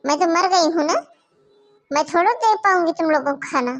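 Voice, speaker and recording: A woman's voice: very high-pitched, fairly even intonation, normal speed, gravelly. A woman voicing a nagging, sarcastic old grandmother in a cartoon moral story. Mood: loud complaining. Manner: taunting, complaining, sarcastic.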